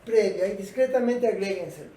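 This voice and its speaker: Heard from a distance in a roomy space, an English teacher patiently leads a lesson and throws rhetorical questions at the class. The voice is medium-pitched and mellow, animated and fairly quick.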